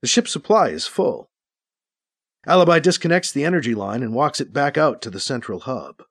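Expressive male audiobook narrator. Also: mid-range voice, normal speed, no echo, studio quality.

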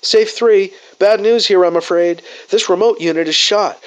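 A man's voice: high voice, normal speed, pitched above the performer's own voice. A man voicing a brave male pilot on a doomed mission, making clipped, urgent calls over a comm radio.

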